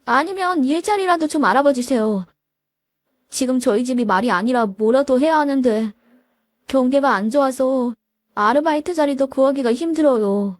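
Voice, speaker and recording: Brief: woman playing a polite, anxious young man asking for money, high and dry. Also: lively intonation, moderate pace, no echo. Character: desperate young man, brother-in-law.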